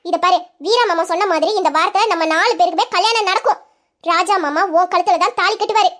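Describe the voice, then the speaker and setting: A woman voicing a caring young woman, very high and quick. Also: fairly bright tone. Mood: comforting. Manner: soothing, coaxing. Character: caring young woman comforting a crying girl. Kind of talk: audio drama acting.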